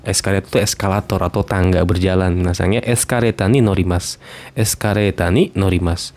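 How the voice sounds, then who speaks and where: Deep-voiced man teaching vocabulary. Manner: relaxed, reads example sentences twice, slow clear repeats. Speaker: Japanese language teacher. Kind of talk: casual vocabulary lesson.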